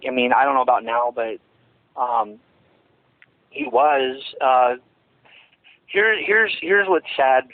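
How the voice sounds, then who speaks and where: A medium-pitched man is interviewed over the phone about his past as a ministry associate. There's no echo, just a tinny, dry line, while he circles around his points emphatically, starting over again and again.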